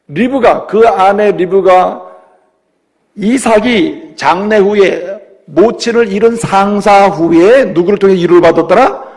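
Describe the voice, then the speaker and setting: In a church sanctuary, a man with a high, creaky voice preaches a sermon as a pastor, questioning his congregation and acting out quoted voices. The recording carries the long reverb of a church hall.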